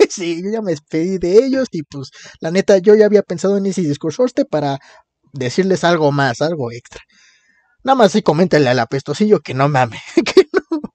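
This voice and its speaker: Laughing and slangy, a male podcast host with a Mexican accent chats casually through the plot of a comic. His high voice swings widely in pitch, with a darkish tone and a moderate pace. There is no reverb on the dry recording.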